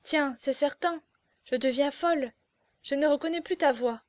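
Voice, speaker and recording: A woman's voice: high voice, moderate pace, no room sound, close to an everyday voice. A woman voicing a frightened young noble mother, trembling and tearful, in an audiobook. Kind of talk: audiobook character voice.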